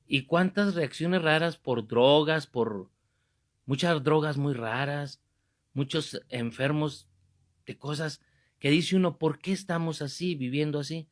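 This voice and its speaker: Animated preacher, fairly high voice. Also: male voice. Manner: animated, joking, rebuking. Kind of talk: sermon with comic storytelling.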